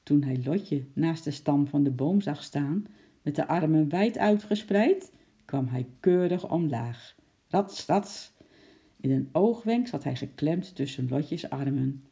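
A narrator reading a children's story aloud in a calm, even manner. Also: mid-range voice, a little slow, gravelly. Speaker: audiobook narrator.

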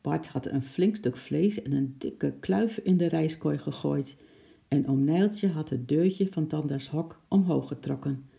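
A narrator reading a children's storybook aloud in a steady, expressive way. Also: medium pitch, vocal fry.

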